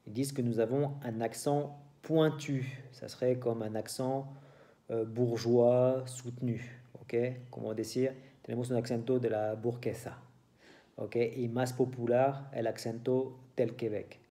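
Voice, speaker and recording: A man from France with a French accent gives a relaxed language lesson to Spanish speakers. He talks slowly and explains each point carefully, moving between French and Spanish. His voice sits at a medium pitch with a very dark, mellow tone. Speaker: French teacher.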